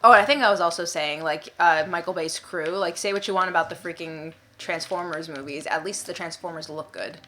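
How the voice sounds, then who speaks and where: A young woman chatting casually as co-host, with a bright, forceful tone and a slightly low pitch. She rambles, stacking fillers and restarting her sentences as she goes. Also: brisk, few pauses, a little hiss or hum. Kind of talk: casual chat. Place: indoors, eating popcorn.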